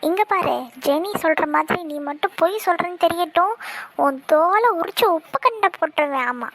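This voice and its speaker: A woman's voice: very high voice, animated, fairly bright tone, dry recording, full character voice. A woman playing a scolding cartoon mother. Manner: scolding, fast and fretful. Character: fussy scolding cartoon mother, quick-tempered.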